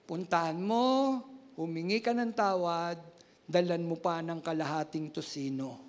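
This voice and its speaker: A calm, commanding divine voice speaks slowly and gently, as a male pastor puts it on in a sermon. It sits noticeably lower than his usual voice. The long reverb of a large hall surrounds it. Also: close to an everyday voice. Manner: slow, low and gentle instructions.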